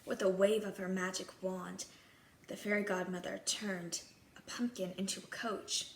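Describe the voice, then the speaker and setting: Here a woman tells a scripted children's fairy tale as a princess, in first person, at a normal speed. Her medium-pitched voice barely moves in pitch, and the echoey room carries clear background noise.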